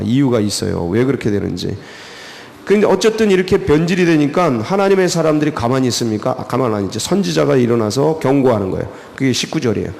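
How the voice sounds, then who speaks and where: Male pastor, animated dawn sermon, gravelly tone, reverberant sanctuary. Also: a little high. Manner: animated, rhetorical questions, colloquial. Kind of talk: early-morning sermon. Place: church sanctuary.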